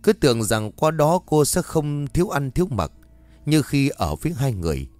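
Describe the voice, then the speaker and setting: A man's voice: fairly high pitch, normal speed, no echo. Dramatic man. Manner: dramatic, expressive telling. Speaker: storyteller. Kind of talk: ghost story narration. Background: faint music.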